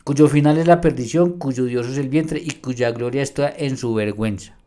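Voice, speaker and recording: A man's voice: medium pitch, moderate pace, mellow. A man teaching from the Bible in a video response. He reads verses aloud with emphasis and argues directly with another pastor. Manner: addresses a rival pastor directly.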